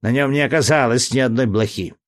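A man putting on a shrill, fussy scholar. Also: fairly quick, close to an everyday voice. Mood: fussy, lecturing. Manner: indignant, pedantic, lecturing. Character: fussy, excitable learned male entomologist. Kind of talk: audiobook character voice.

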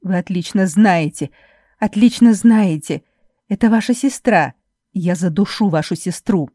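Brief: a woman playing a seething washerwoman, low muttered menace, dark and dry. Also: measured pace, no echo, lightly acted. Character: furious, seething young washerwoman.

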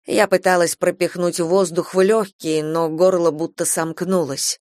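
A man reading a first-person literary novel aloud as an audiobook, in an even, measured way. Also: sits high, no room sound, studio quality. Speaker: audiobook reader.

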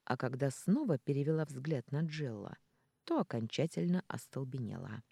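Audiobook narrator, dramatic first-person reading, mellow tone, dry close recording. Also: medium pitch, lively intonation, normal speed, gravelly, breathy edge, no room sound.

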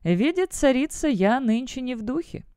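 A woman's voice: high-pitched, animated, moderate pace, dark tone, clean tone, no room sound, clean studio sound, pitched above the performer's own voice. A woman reading the lines of a haughty young female demonologist who gives clipped, cold orders. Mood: cold, curt.

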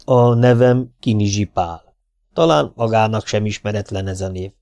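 A man voicing a stern medieval warlord with a deep, hollow, booming voice and a commanding, blustering manner. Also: a little mellow, lightly acted. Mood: solemn.

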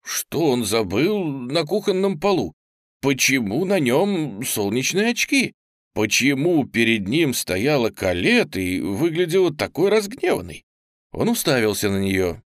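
Animated man reading a storybook. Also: mid-range voice, measured pace, no echo, studio quality. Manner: expressive, animated narration.

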